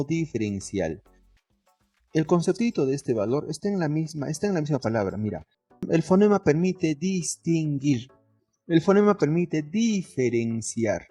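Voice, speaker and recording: A man's voice: medium pitch, mellow. A male teacher giving a lesson, asking the class questions and answering them himself, with lots of diminutives.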